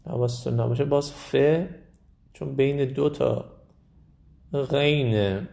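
A man teaching Quran recitation, saying single words slowly and then explaining quickly. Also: mid-range voice, vocal fry, warm tone. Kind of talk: tajwid pronunciation lesson.

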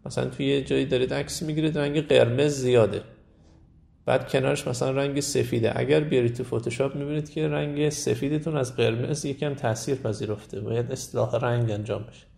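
A man teaching Quran recitation, saying single words slowly and then explaining quickly. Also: medium pitch, steady tone, vocal fry, a little mellow. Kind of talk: tajwid pronunciation lesson.

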